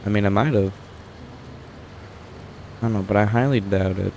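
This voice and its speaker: A man's voice: on the low side, normal speed, a little mellow, slight background noise. A young man giving casual, rambling commentary while playing a truck-driving game, with dry asides and frequent self-corrections. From United States. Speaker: gameplay streamer. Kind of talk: casual let's-play commentary.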